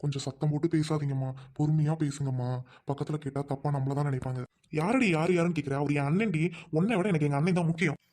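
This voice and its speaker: Performer doing a young husband, lecturing fast, mid voice, audio drama. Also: mid-range voice, a little mellow, close to an everyday voice. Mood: pleading. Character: young husband, torn between wife and elder brother. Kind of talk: Tamil audio drama acting.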